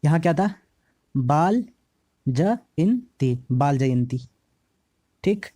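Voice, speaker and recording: Hoarse-throated male teacher drilling memory tricks. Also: on the high side, animated, dark tone, no room sound. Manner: repeats mnemonics slowly, checks in with frequent "okay?". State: slightly hoarse from a sore throat. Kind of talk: classroom-style lesson teaching memory tricks. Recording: dry, slightly dull lo-fi recording.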